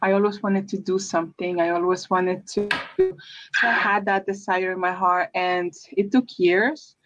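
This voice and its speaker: Joining a casual interview chat over a video call, a woman from El Salvador speaks hesitantly and restarts often. Her lowish voice holds a steady tone at a moderate pace, picked up by a webcam in a room with a brick wall, and the sound is dull and lo-fi.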